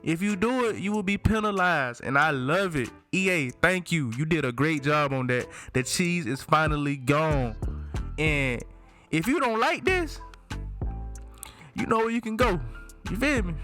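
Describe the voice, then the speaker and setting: Male gaming YouTuber, slightly high voice, Southern Alabama country accent, informal slangy opinion commentary, faint music underneath. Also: a bit bright. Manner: slangy, informal hype talk. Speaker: gaming channel host. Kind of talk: casual gaming review commentary.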